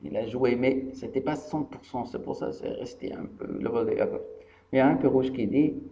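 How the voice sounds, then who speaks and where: A rabbi from Tunisia gives a Torah lesson, telling the story in a lively way, acting out the dialogue and repeating the key phrases. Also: male voice, mid-range voice, a little fast, reverberant. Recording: dull lo-fi archive recording with faint hum.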